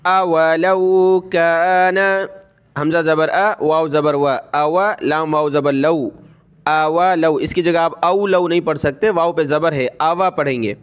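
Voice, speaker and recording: A man with a Pakistani Urdu accent teaching Quran reading, drawing out each recited word slowly and breaking it into letters and vowel marks, with quicker spoken explanations in between. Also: fairly high pitch. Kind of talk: spelled-out recitation lesson.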